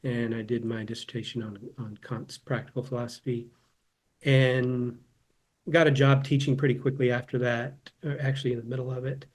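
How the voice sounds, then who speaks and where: A Southern California man in his fifties, a philosophy professor, appears as a guest in a casual interview, speaking thoughtfully and often repeating words as he restarts. He has a medium pitch, a level and darkish tone, and a moderate pace.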